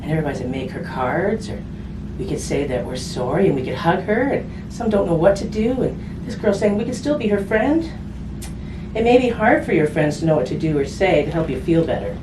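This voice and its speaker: A low-voiced woman reads a picture book to children fairly quickly, her intonation lively. She keeps things conversational and simple for the kids, with tag questions and casual asides. Background noise and a distant mic make the sound roomy.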